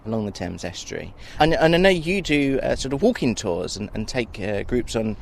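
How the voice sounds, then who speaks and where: A man's voice: mid-range voice, lively intonation, moderate pace, vocal fry. A man hosting a podcast, interviewing conversationally outdoors. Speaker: podcast host. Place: outdoors by the estuary. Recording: faint outdoor background noise.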